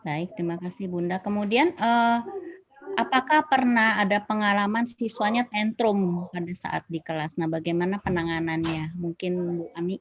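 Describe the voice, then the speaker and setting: A woman's voice: mid-range voice, moderate pace, highs cut off. A woman moderating a webinar who politely hands the floor to panelists and asks parents for questions.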